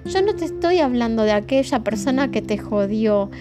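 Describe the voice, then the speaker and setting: A woman's voice: fairly high pitch, animated, moderate pace. A woman podcast host with a Rioplatense Spanish accent, speaking in a heartfelt, emotional way and addressing her listeners directly. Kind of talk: reflective podcast monologue. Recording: music playing behind the voice.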